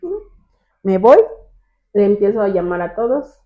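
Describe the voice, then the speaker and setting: A woman's voice: medium pitch, normal speed. A young woman guest telling her childhood story in an interview, acting out the voices of her teacher and family as she goes. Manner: animated, acts out quoted voices of teachers and family. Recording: tinny phone-like line.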